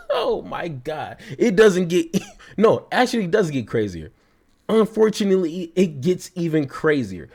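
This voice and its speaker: Heated, mocking man with a high lively voice. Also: moderate pace, slightly rough. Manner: heated, mocking, stammering when worked up. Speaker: reaction commentator. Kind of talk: angry reaction commentary.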